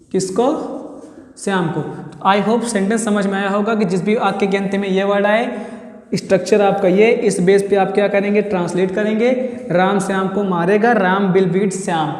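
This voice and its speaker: A male teacher giving a grammar lesson in a classroom, asking questions and answering them himself while repeating key words. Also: sits high. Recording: echoey room with long reverb.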